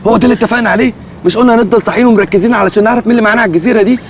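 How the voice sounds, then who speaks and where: A man's voice: sits high, very fast, a crowd in the background, close to an everyday voice. A man playing a bossy, jumpy castaway. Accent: Egyptian Arabic. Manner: bossy, excitable comic scolding. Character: bossy, jumpy stranded man who nags friends. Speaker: castaway leading a group. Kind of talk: TV sitcom acting. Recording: music score underneath.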